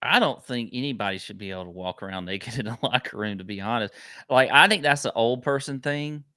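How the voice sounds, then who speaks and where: A man's voice: mid-range voice, a little fast, sharp tone, no echo, studio quality. A man in his forties co-hosting a podcast, chatting easygoing and self-deprecating. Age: 40s. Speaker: podcast co-host. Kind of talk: casual chat.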